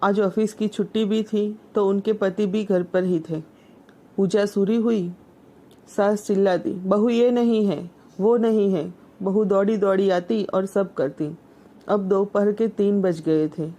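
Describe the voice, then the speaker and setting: A woman host narrating a family story in an even, gentle storytelling manner. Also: medium pitch, measured pace.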